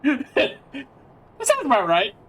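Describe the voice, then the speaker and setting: A man's voice: very high-pitched, huge pitch swings, slow pace, fairly bright tone. A man streaming a video game, chatting casually with friends and laughing often. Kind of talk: casual chat while playing a game.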